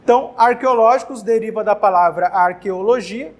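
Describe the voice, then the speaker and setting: At a moderate pace and with a voice that sits high, a man with a Brazilian Portuguese accent leads a casual exam-prep grammar class. In his whiteboard classroom, he often restarts words and checks how the class is doing.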